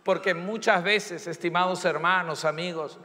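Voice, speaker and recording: A man's voice: high-pitched, steady tone, moderate pace, pushed and bright. A man preaching a sermon as pastor, emphatic and acting out pleas and excuses. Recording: echoey church hall.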